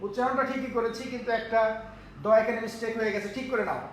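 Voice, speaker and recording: High-voiced male teacher in echoey room. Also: fairly even intonation, fast talker, fairly bright tone, recorded from a distance, a little hiss or hum. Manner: explains step by step, often checks understanding. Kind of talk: classroom lecture on pronunciation.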